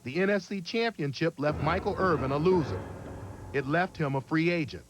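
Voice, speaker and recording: A man reading scripted sports documentary narration in a dramatic, measured voice-over. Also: a little high, lively intonation, noisy background. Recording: voice-over with music bed.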